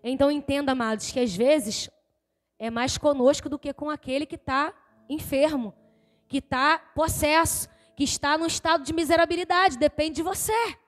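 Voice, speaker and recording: A woman pastor, preaching an impassioned sermon to a church, rising to shouts and dropping low. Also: normal speed, big-room sound. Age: adult with a young son.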